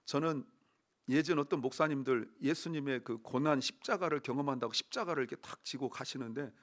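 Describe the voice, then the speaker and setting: A middle-aged man preaching a Sunday sermon as pastor, telling stories lively and acting out the voices of the people he quotes. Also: medium pitch, fairly quick.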